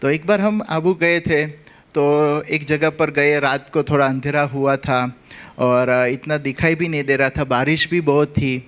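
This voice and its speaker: A man with a Gujarati accent telling humorous anecdotes to an audience, acting out the characters' lines with lively energy. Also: fairly high pitch, moderate pace, clean tone. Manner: animated storyteller acting out the characters. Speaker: comic speaker at a spiritual gathering.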